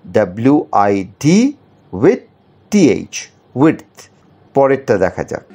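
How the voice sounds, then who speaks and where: A man's voice: mid-range voice, very animated, slow, dark tone, husky, muffled recording. A man teaching a children's spelling lesson, patiently spelling words out letter by letter and asking the viewers questions.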